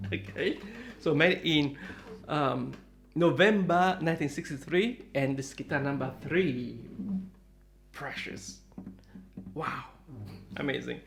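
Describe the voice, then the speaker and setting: A middle-aged man who deals guitars and hosts a channel chats casually to camera from his home in Melbourne, Australia. His voice is on the high side, slow and marked by vocal fry. Friendly and rambling, he uses lots of fillers and restarts.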